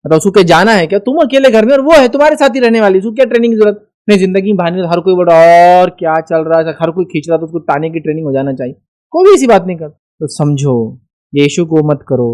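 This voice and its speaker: A man's voice: high-pitched, animated, quick pace, darkish tone. A man giving a religious lecture, emphatic and full of rhetorical questions. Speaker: Islamic speaker.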